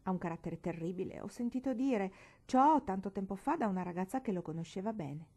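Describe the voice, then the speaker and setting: A woman's voice: medium pitch, expressive, a little fast, darkish tone. A woman voicing an indignant, quarrelsome young boy in a storybook reading, with an aggrieved, complaining manner.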